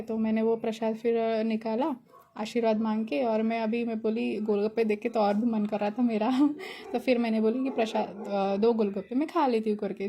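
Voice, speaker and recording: A woman's voice: fairly high pitch, warm tone. Giggly young woman sharing a devotional story. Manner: chatty, giggly, grateful. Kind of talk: casual spoken testimony.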